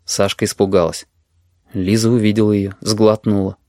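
A man narrating an audiobook in a calm, measured way. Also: lowish voice, no echo, studio quality.

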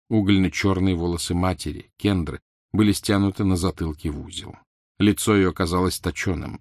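A man narrating a novel aloud in a measured, even reading. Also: low-pitched, no echo, studio quality. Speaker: audiobook narrator. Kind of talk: scripted narration.

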